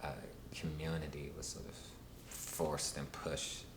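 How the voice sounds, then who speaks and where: Recorded in a roomy space over a persistent low drone, a thirty-something man from Washington, D.C. responds to an interviewer. He talks in a very deep, level voice at an unhurried pace, hesitating often and leaning on fillers like um and uh.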